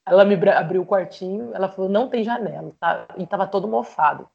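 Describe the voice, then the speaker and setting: Gravelly-voiced Brazilian woman telling her story. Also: mid-range voice, fast talker, dull audio. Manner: animated, acts out remembered dialogue with many restarts. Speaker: podcast guest. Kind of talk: personal storytelling.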